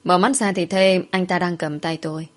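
A woman's voice: fairly low pitch, steady tone, a little fast. A woman narrating a first-person story, dramatically voicing the heroine's fears.

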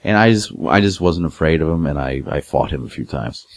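A young man casually telling rough stories, swearing a lot and acting out what people said. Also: rumbling low, brisk, dry recording. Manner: animated, swears a lot, acts out quotes. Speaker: podcast guest telling stories. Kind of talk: casual profane storytelling.

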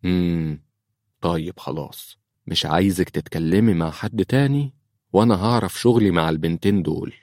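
A man's voice: deep voice, normal speed, a little mellow, no room sound, clean studio sound. A man with an Egyptian accent playing a troubled, secretive middle-aged priest who speaks hesitantly. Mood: uneasy.

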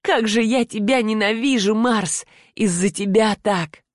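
A woman's voice: medium pitch, measured pace, dry recording, studio quality, lightly acted. A woman reading an audiobook voices a furious, hysterical young female student who hisses and shrieks accusations. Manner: shrieking accusations, hissing, sobbing.

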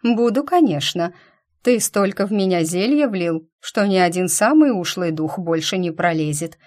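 A woman voicing a stubborn, fussy middle-aged witch mother with a chatty, slightly husky voice. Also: on the low side, lively intonation, normal speed, a little mellow, lightly acted.

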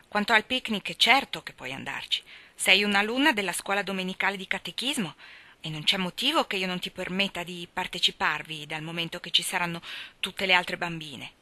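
A woman voicing a stern, no-nonsense older woman who brings up a child, speaking in a brisk, firm, scolding way. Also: medium pitch, pushed and bright, no echo, natural voice.

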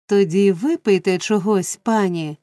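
A woman's voice: medium pitch, unhurried, mellow, no echo, studio quality, natural voice. A woman reading a storybook, voicing a pompous middle-aged male parish beadle who speaks with stately solemnity. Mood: indignant, solicitous. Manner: stately, solemn, flustered at times.

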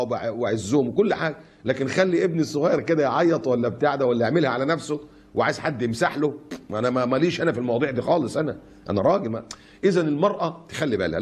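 A man's voice: medium pitch, breathy edge. A man with an Egyptian Arabic accent preaching a colloquial sermon, scolding and mocking with rhetorical questions.

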